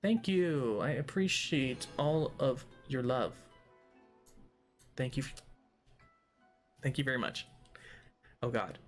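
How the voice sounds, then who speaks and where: A man's voice: medium pitch, lively intonation, takes it slowly, pauses often, soft background music. A man hosting a let's play, giving casual, rambling commentary full of jokes and talking to the game's characters. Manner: jokey, rambling, talks to game characters.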